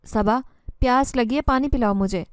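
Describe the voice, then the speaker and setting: A woman voicing a domineering older mother-in-law who talks in sharp, threatening jabs, in a storybook reading. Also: on the high side, clear, resonant tone, no echo, studio quality, lightly acted. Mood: scornful.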